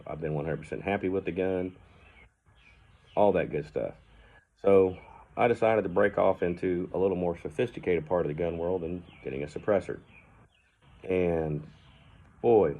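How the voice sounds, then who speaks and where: A man's voice: deep voice, warm tone. A man casually telling a story in a blunt, plain-spoken way, cursing freely. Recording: tinny phone-like audio.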